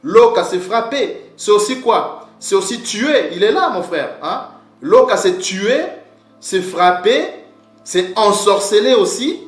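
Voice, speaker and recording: High-voiced man teaching, echoey room. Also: lively intonation, slow. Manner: repeats "mon frère", asks and answers his own questions. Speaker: teacher of word origins. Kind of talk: informal lesson.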